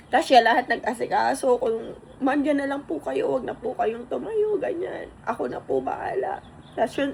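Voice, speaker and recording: A middle-aged woman telling a personal story in a halting, tearful way, with many restarts and fillers. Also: on the high side, creaky, darkish tone, slight background noise.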